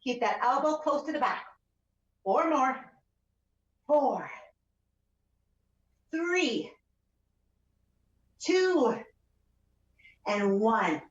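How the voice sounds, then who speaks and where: At home in a room with a couch, a woman leads a workout as a fitness instructor, counting repetitions aloud and giving short, energetic, encouraging cues. Her voice is fairly high and her pace is slow. The home-video sound is roomy, distant and dull.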